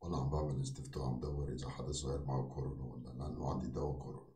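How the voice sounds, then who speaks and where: Deep-voiced middle-aged man, teasing pranker. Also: little pitch movement, warm tone, far from the mic. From Kurdistan. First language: Kurdish. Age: 40s. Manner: teasing, rapid-fire questioning. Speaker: prank video-chat host. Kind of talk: joking chat with strangers. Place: small indoor room with bare walls. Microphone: webcam at desk distance. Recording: echoey room, voice off mic.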